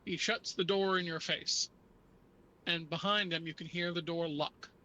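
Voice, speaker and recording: Male game master, higher-pitched and bright, unhurried halting narration of a tabletop game. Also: fairly even intonation, low-quality recording.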